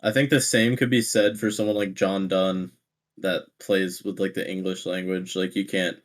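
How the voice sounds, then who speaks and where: Podcast co-host, male, lower voice, loose rambling casual chat. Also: little pitch movement, normal speed. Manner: rambling, restarts often, laughs easily.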